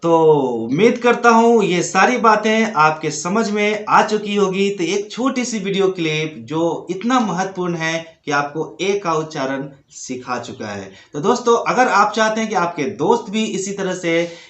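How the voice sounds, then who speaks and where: A man teaching English pronunciation from slides, saying example words slowly and repeating them. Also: high-pitched, fairly bright tone, echoey room. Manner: slow, drawn-out repetition of example words. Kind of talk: slide-based lesson.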